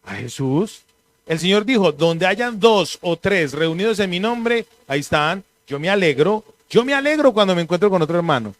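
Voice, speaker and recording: A man, a pastor giving a conversational sermon and telling animated, joking stories. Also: high-pitched, moderate pace.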